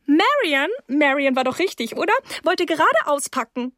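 A woman voicing a brisk, sporty middle-aged wife who talks crisply and in a hurry, raising her voice above her usual one. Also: high voice, big pitch swings, fairly bright tone, no echo, studio quality, pitched above the performer's own voice. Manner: crisp, hurried, briskly chatty.

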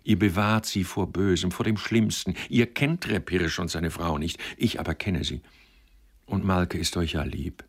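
A man's voice: low voice, normal speed, gravelly, slightly rough, exaggerated voice. A man voicing an anxious, tender young woman who pleads in a raised, strained voice. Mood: pleading.

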